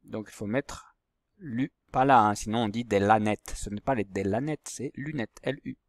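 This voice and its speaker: A man teaching young pupils goes patiently through letters and syllables at normal speed, his voice mid-range. This primary school teacher's handwriting and reading lesson is a dry recording.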